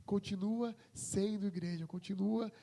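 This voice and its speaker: A man's voice: sits high, steady tone, a little slow, vocal fry, warm tone. A young man from Brazil, a pastor telling a personal story in a casual, conversational sermon and acting out the voices he quotes. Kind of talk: informal testimony sermon.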